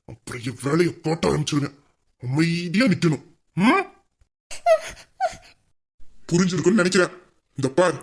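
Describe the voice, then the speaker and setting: A woman voicing a possessive young man who calls himself king, in an audio romance drama, talking intensely and dropping low to threaten. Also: a little mellow, close to an everyday voice. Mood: menacing. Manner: intense, lowers voice to menace.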